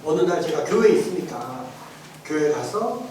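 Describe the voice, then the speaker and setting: A male pastor giving a testimony sermon, animated and emphatic, shifting from shouts to soft asides and laughing often. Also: a little high, moderate pace, slight background noise. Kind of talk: testimony sermon in a church training course. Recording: echoey church hall, mic far off.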